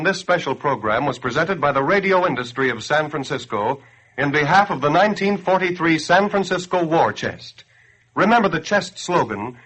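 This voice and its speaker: In a dull, grainy 1940s radio broadcast, an American announcer and campaign spokesman delivers a scripted appeal with earnest, declamatory persuasion. His pitch is fairly high, and his voice sounds a bit bright and slightly rough.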